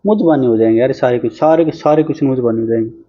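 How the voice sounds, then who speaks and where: A man's mellow, mid-range voice comes through with the high frequencies cut off as he teaches exam-prep math. He talks in a lively, chatty way while solving problems on screen.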